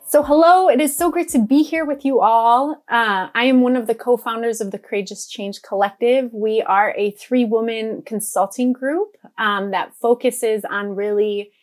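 A woman's voice: fairly high pitch, normal speed, hardly any pauses, soft background music. A woman in her thirties from Guatemala, a podcast guest speaking in an earnest, flowing way with fillers. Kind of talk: casual podcast conversation.

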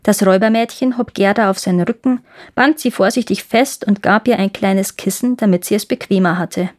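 A woman storyteller reading a fairy tale aloud in a calm, expressive way. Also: medium pitch, fairly quick, no echo, clean studio sound.

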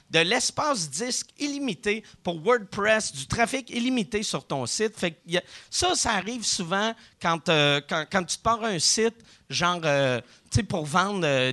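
Lively joking Québécois man. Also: high-pitched. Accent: Québécois French. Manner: crude, joking, laughs often. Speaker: podcast host. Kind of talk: casual sponsor read with jokes.

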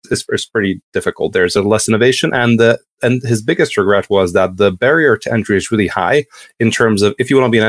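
A Hungarian man in his thirties appears as a podcast guest, telling his story casually and haltingly, often restarting sentences. His voice is on the low side, with no echo.

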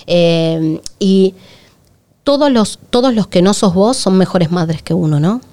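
A woman's voice: fairly low pitch, measured pace. A woman with a Rioplatense Spanish accent, co-hosting a podcast in candid, confessional chat. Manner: candid, confessional, animated storytelling. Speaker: podcast co-host.

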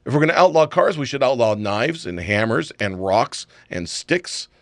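A man's voice: mid-range voice, sing-song, normal speed, no echo. A man hosting a talk radio show, ranting emphatically and firing off rhetorical questions. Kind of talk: opinionated talk radio chat.

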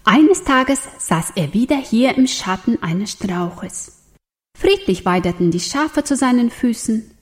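Slow, earnest woman reading a Bible story to children. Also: on the high side, animated. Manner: gentle, earnest storytelling with rhetorical questions.

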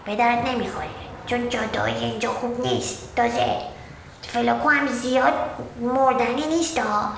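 A woman doing an earnest village boy with a gravelly edge. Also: a little high, expressive, voice pushed up. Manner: earnest, grumbling. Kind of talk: storybook reading. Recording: roomy echo with background noise.

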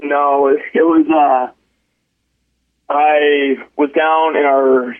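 A young man in his twenties, a college hockey player, telling a story as a podcast guest in a relaxed way with many ums. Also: fairly high pitch, drawn-out words. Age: 20s. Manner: relaxed, frequent "um" and restarts. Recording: phone-like narrow band.

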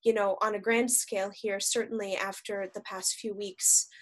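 A woman's voice: medium pitch, flat delivery, normal speed, fairly bright tone. A woman hosting an interview show, chatting casually and often restarting her sentences. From United States. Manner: chatty, full of restarts and repeated words. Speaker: podcast host.

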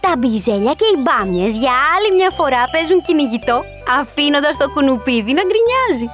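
Woman reading a kids' rhyme story, high bouncy voice, soft music behind. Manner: expressive, sing-song. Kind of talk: rhyming storybook narration.

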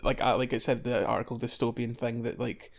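A man's voice: mid-range voice, level tone, quick pace, gravelly. A young man on a comedy quiz podcast, swearing and laughing as he talks. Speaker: quiz contestant. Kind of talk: casual comedic podcast banter.

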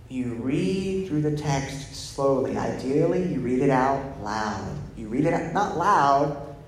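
Guy pastor preaching, kinda high voice, big echoey room w faint hiss behind. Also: a little mellow. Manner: conversational teaching with rhetorical questions. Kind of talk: sermon. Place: church sanctuary.

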